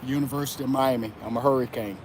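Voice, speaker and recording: Racing through his words in a steady, medium-pitched voice, a Florida man hosts a loose, casual motivational livestream and welcomes chat viewers by name. The outdoor recording is filled with loud traffic noise.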